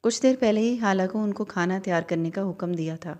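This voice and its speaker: A woman reading a dramatic novel aloud in steady, dramatic storytelling narration. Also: medium pitch. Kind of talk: scripted audiobook narration.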